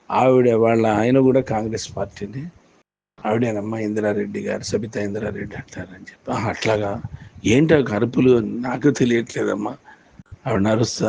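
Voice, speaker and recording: Animated man telling a story. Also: lowish voice, gravelly. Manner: animated retelling with repetitions. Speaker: commentator. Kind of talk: storytelling commentary. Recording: dull lo-fi with faint noise.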